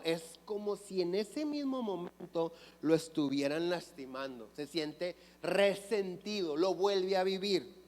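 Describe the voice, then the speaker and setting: A man preaching a sermon in a slow, unhurried delivery, his voice sitting high for a man. He asks his congregation questions and answers them himself. The sound carries the long reverb of a church hall. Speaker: pastor. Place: church sanctuary.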